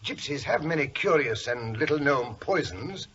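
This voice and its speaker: Actor as Doctor Watson, bluff, animated British gentleman. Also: mid-range voice, moderate pace, natural voice. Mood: astonished, speculating. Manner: blustery, hesitant interjections. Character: bluff, earnest gentleman doctor, detective's loyal companion. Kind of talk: 1940s radio drama acting. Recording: dull, noisy vintage radio recording.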